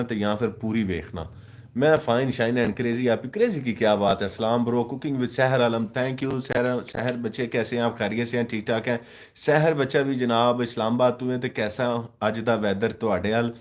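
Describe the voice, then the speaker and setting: A man with a Punjabi accent, from Pakistan, hosting a casual live stream, joking with viewers as he reads their comments. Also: mid-range voice. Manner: joking, switches into mocking put-on voices.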